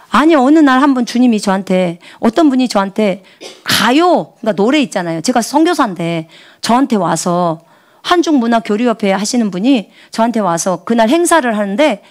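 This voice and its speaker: A middle-aged woman missionary delivers a sermon with a high, bright voice that swings widely in pitch. She tells her story lively, dropping to hushed asides and then rising into excited, high-pitched outbursts. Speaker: missionary preacher.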